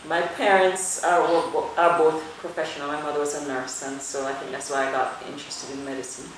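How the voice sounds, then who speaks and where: A middle-aged woman from Jamaica, a dermatologist answering interview questions in a measured, thoughtful way with frequent fillers. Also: low-pitched, level tone, slight background noise. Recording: very echoey room with faint ambience.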